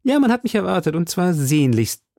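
A man's voice: sits high, sing-song, a little fast, creaky, a little mellow, dry recording, studio quality, pitched above the performer's own voice, exaggerated voice. A man voicing a laughing young swordsman. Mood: teasing. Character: cheerful young male swordsman, laughing and teasing. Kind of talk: audiobook character voice.

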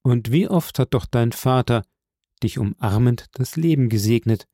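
A man voicing a solemn, fatherly nobleman who speaks slowly and gravely. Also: medium pitch, warm tone, no echo, clean studio sound, natural voice. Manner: slow, grave and measured.

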